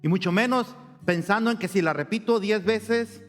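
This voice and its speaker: A man, a pastor preaching a sermon, asking questions of the congregation, rising high and loud for emphasis and dropping low and quiet. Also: normal speed. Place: church sanctuary. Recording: long church reverb with soft guitar.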